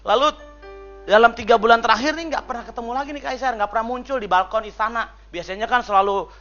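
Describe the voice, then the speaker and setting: A man preaching a sermon as pastor, lively and chatty, joking and calling out to the congregation. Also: very high-pitched, fast talker, lo-fi sound, faint music behind.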